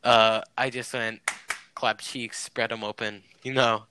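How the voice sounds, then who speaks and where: A man's voice: mid-range voice, flat delivery, unhurried, noisy background. A young man co-hosting a casual podcast, joking crudely and laughing often. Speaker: podcast co-host. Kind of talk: casual chat.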